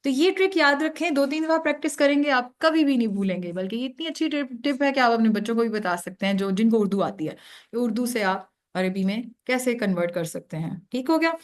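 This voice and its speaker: Higher-voiced woman teaching patiently. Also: lively intonation. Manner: patient explaining, often checks understanding with a tag question; mixes English terms into Urdu speech. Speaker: Arabic grammar teacher. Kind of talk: online classroom lesson.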